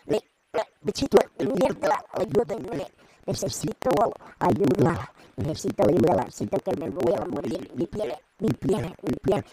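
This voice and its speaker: A man's voice: on the high side, very animated, unhurried, background noise. A man voicing a stammering, injured male mutant through a half-robotic voice filter in an amateur comedy skit. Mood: pained pleading. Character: cow-faced male mutant, injured, odd voice.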